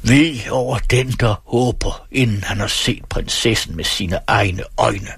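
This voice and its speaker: A grim old peasant woman who sees visions, her warnings weighty and prophetic, as a male narrator gives her voice. The voice is low and husky, with a dry, close sound. It is a storybook read aloud. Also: fairly bright tone, no room sound, full character voice. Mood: ominous. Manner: solemn, prophetic.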